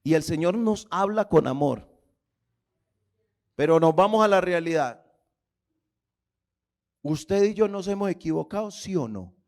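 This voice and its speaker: Male pastor preaching hard, high voice, builds up to shouting at the church. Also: animated, unhurried, pauses often. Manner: impassioned preaching, rising to shouts, addressing listeners as brother. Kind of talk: sermon.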